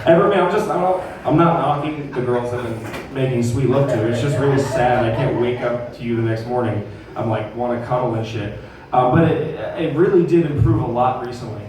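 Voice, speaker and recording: A man's voice: medium pitch, a little fast, recorded from a distance, background noise. Crude young male stand-up comic, echoey room. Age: young adult. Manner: crude, rambling, talks back to the crowd. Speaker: stand-up comedian. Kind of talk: stand-up comedy set. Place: comedy club stage.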